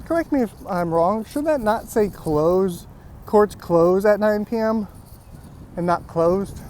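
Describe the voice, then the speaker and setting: A man with a high voice talks to his viewers like an earnest motivational vlogger. He speaks in halting, encouraging phrases with pauses between them. Faint outdoor noise sits behind him. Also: darkish tone. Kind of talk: walk-and-talk vlog monologue, motivational. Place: outdoors, walking in rainy weather.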